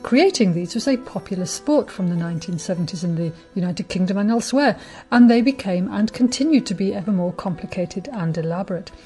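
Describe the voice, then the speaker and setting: A woman hosting a short radio segment on astronomy, telling it in a wry, measured way. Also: medium pitch, animated, dark tone, faint music behind. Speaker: radio host. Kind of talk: scripted radio talk on astronomy.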